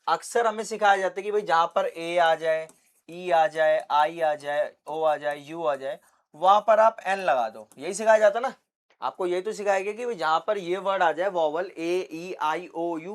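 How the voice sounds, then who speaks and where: A young man teaching English basics with a Hindi accent, asking questions and answering them himself. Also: high-pitched. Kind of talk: classroom lesson.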